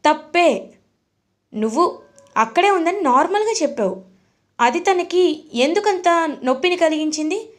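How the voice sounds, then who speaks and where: A woman voicing an irritable young husband who scolds and shouts at his wife in a TV serial recap. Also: extremely high pitch, expressive, a little slow, long pauses, pitched above the performer's own voice. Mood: irritated scolding. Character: irritable young husband, a male office boss.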